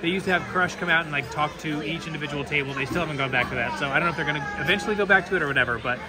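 A young man talking casually for a travel vlog, chatty and quick to laugh. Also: fairly high pitch. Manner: chatty, laughs easily, fillers. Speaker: vlogger. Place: cruise ship public areas. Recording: loud crowd and music behind.

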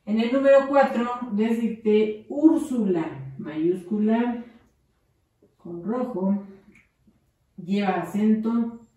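A woman's voice: mid-range voice, takes it slowly, pauses often, dark tone, recorded from a distance. A woman teaching young children in a patient, encouraging way, dictating words and drawing them out. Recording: very echoey room, voice off-mic.

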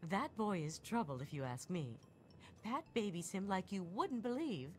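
An actress playing a prim, polite, gossipy suburban American housewife in a video game. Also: female voice, medium pitch, very animated, normal speed, a little hiss or hum, lightly acted. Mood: disapproving. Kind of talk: scripted video game dialogue.

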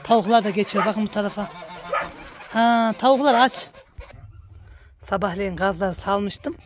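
A woman vlogging about her village life, chatting warmly with her viewers and calling out to her animals in a high coaxing voice outdoors. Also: a little slow, background noise. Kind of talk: casual vlog narration to viewers. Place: outdoors at a village farmyard and garden.

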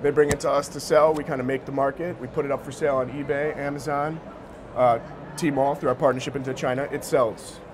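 A company co-founder, an American man in his thirties, keeps a steady tone and brisk pace with a medium-pitched voice. He responds to interview questions in loose, slangy speech in a sneaker shop showroom indoors, with background noise plainly heard.

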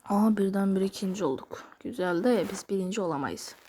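A woman's voice: mid-range voice, fairly quick, dark tone, a little hiss or hum. A woman playing a mobile game and chatting playfully to her opponents, often in a half-whisper. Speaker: gamer. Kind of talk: casual gameplay commentary. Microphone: phone screen recording.

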